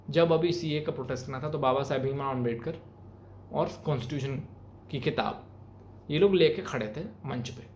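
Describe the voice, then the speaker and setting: A young man with an Indian accent hosts a video channel, delivering emphatic, colloquial opinions to camera from a small, plain room. His voice sits fairly high and has a slightly mellow quality. The recording picks up obvious room noise.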